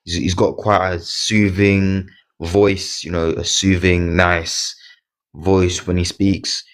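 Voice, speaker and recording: A man's voice: low-pitched, flat delivery, takes it slowly. A man chatting casually on a live stream, often stumbling and repeating words as he talks. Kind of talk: casual chat.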